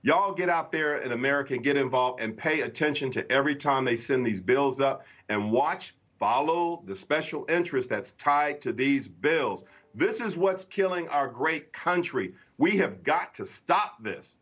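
A man's voice: mid-range voice, expressive, normal speed, few pauses, a bit bright, husky, muffled recording. A man speaking as a guest commentator in a cable news interview, emphatic and fond of repeating the host's name.

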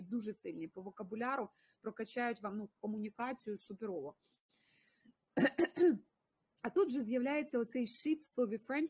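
A woman's voice: a little high, darkish tone, breathy edge, dry recording. A woman with a Ukrainian accent teaching an English lesson on a livestream, mixing both languages and praising her students by name.

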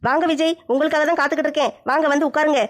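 A woman's voice: high voice, fairly even intonation, very fast. A woman acting a village comedy sketch in a brash, mocking way. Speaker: comic sketch performer.

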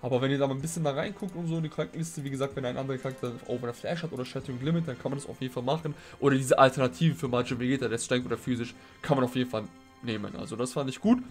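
A man's voice: medium pitch, very fast, a little mellow. Young man casually commenting over background music. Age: young adult. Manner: thinking aloud, explanatory, slangy. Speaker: gaming video host rating viewers' game teams. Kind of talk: casual, conversational game commentary. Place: small indoor room at home.

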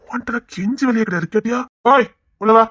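An actor playing a flirtatious office boss with a Tirunelveli Tamil accent, teasing and wheedling. He talks quickly in a bright voice, recorded dry and close. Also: very high voice, no room sound, muffled recording. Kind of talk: village web-series acting.

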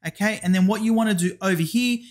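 A man hosting a screen-share software tutorial, giving step-by-step instructions and often saying "guys" and "over here". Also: sits high, quick pace. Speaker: YouTube tutorial host.

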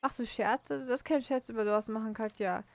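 A moping young man who over-dramatizes everything, read by a woman. Her voice sits fairly high and the recording is dry. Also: fast talker, darkish tone, dry recording, close to an everyday voice. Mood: dramatic.

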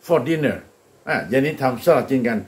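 A man teaching English, speaking Thai with a Thai accent. He models English phrases slowly and with care, then explains quickly and encourages his students warmly. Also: medium pitch, lively intonation. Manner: upbeat and encouraging, often praising the students. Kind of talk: classroom-style English drill.

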